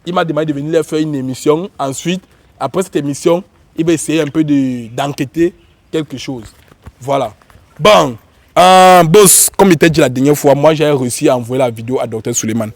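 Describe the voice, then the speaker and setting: Briskly and with a voice on the high side, a man with a cold and a Cameroonian accent hosts a YouTube show. He's informal and repetitive as he talks to viewers and guests. The sound is dry.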